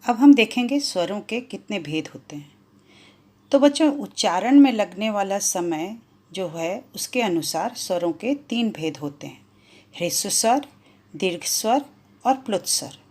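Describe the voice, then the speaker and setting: A woman's voice: medium pitch, animated, measured pace, dark tone. A woman teacher explaining Hindi grammar to schoolchildren, drawing out each example sound. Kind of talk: explaining a grammar lesson to children.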